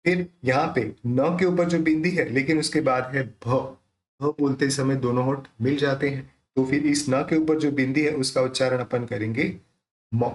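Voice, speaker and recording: A man teaching pronunciation of a devotional hymn, explaining patiently and then reciting its verses slowly, syllable by syllable. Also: mid-range voice, fairly even intonation, reverberant. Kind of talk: pronunciation lesson with slow chanted recitation.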